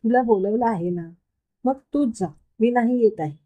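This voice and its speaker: A woman voicing a quick-tempered young woman who teases and scolds her friend, in a storybook reading. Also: a little high, narrow, tinny audio, natural voice. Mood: sulky.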